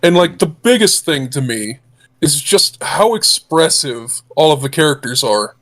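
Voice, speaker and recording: Man, voice changer effect, slightly high pitch, casual livestream co-host, eager, stammering restarts. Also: sing-song, unhurried, a bit bright.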